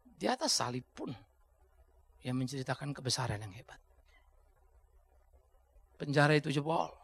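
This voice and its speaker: A male pastor preaching a sermon in a colloquial way, swinging between hushed asides and loud outbursts. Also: medium pitch, expressive, normal speed, slightly rough.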